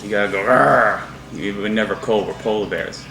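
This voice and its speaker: A man's voice: lowish voice, steady tone, quick pace, echoey room, over a noisy crowd, low-quality recording. A man speaking plainly in a casual interview.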